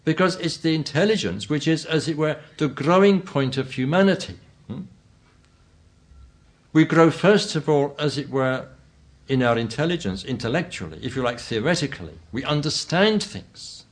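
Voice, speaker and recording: A man lecturing as a Buddhist teacher in a deliberate, professorial manner, with formal phrasing, many qualifications and questioning hums between points. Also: a little high, expressive. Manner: measured, donnish professorial phrasing with formal "one" and frequent qualifications; deliberate, often punctuated with questioning "hmm" and "eh". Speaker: Buddhist teacher giving a talk. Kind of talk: lecture, expository religious talk.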